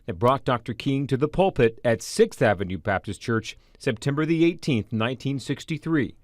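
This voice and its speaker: A man reading a scripted radio news feature in a solemn, measured manner. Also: mid-range voice, lively intonation, dry recording, studio quality. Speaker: reporter and narrator.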